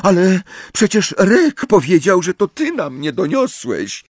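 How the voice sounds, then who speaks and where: A woman's voice: fairly low pitch, very animated, measured pace, breathy edge, dry recording, clean studio sound, pitched above the performer's own voice, exaggerated voice. A man voicing a terrified, trapped woman who speaks in shaky, pleading half-whispers.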